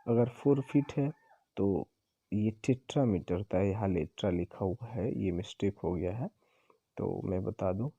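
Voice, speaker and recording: A man teaching an exam-prep lesson, explaining slowly and repeating himself as he corrects his own slips. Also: fairly low pitch, creaky, warm tone, slightly rough, no echo, highs cut off. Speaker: English teacher.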